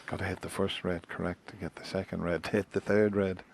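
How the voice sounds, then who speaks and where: A man giving live snooker commentary in a hushed, measured way. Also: low voice, little pitch movement, gravelly. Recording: noisy arena broadcast with crowd. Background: audience noise and clicking balls.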